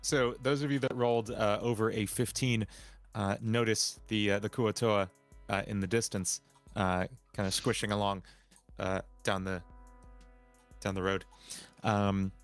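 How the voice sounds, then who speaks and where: Low-voiced man as game master. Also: level tone, measured pace, soft background music. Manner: hesitant, filler-heavy narration. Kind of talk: narrating a tabletop game.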